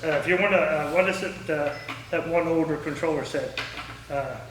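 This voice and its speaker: A former air traffic controller, invited as a guest speaker, chats informally with the public in a folksy, anecdotal way and takes questions. His voice runs on the high side at a normal speed. Faint noise, room echo and a distant mic mark the recording.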